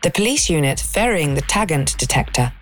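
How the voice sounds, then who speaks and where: A woman's voice: low-pitched, very animated, brisk. A woman reading scripted suspense documentary narration as a podcast host. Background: faint music.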